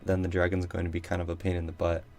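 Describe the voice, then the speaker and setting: Low flat-voiced young man. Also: very fast. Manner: rambling, unsure, many ums, self-mocking. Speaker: gameplay commentator. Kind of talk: casual let's play commentary.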